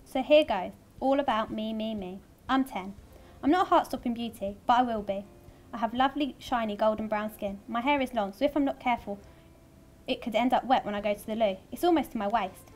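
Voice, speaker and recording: A woman reading a first-person story aloud in a chatty, lively storytelling manner. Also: fairly high pitch, brisk. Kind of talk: first-person audiobook narration.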